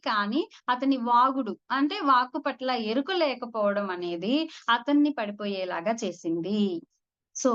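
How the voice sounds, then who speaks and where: A woman's voice: a little high, a bit bright, muffled recording. A woman giving a storytelling spiritual talk, speaking conversationally and addressing her listeners as friends. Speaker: spiritual teacher.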